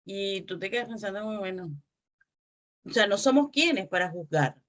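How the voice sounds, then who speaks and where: A woman's voice: mid-range voice, animated, normal speed. A woman hosting an interview who affirms her guest often and asks reflective follow-up questions. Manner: affirming, brief backchannels. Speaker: interview host. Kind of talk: casual interview.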